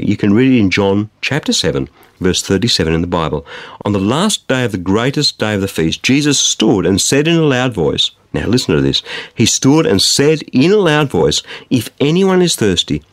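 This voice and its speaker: A man's voice: fairly quick, dry recording, studio quality. A man preaching a radio sermon, swinging his voice up and down for emphasis. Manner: animated preaching, dramatic pitch swings on quotes. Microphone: studio microphone.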